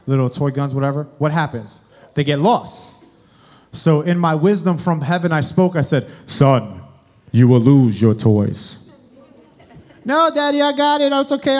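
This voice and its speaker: A young man preaching a sermon, addressing the congregation directly with questions. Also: high voice. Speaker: guest preacher.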